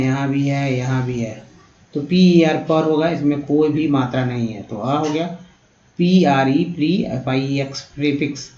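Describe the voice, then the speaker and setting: A man's voice: on the high side, darkish tone. A man teaching English pronunciation to beginners, patiently explaining step by step and addressing listeners as friends. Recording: roomy, dull lo-fi sound.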